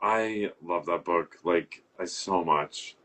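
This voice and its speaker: A man's voice: sits low, slow pace, fairly bright tone. A man hosting a casual live chat, talking like an eager, playful fan. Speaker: host.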